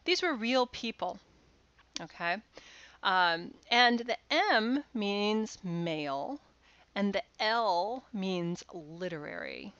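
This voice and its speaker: A woman's voice: medium pitch, expressive, slow, a bit bright, dry recording, dull audio. A woman lecturer giving a recorded university course lecture over slides, explaining step by step with frequent "uh"s and restarts.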